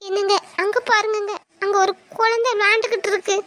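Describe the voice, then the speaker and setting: A woman's voice: extremely high pitch, level tone, a little fast, pushed and bright, a little hiss or hum. A woman playing a tearful young wife who begs her husband for a baby, in a pleading voice.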